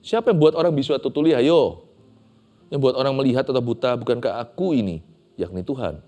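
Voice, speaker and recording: A man voicing God as a patient figure gently urging and quizzing a reluctant servant. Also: mid-range voice, fairly quick, close to an everyday voice. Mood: coaxing. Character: patient coaxing male God.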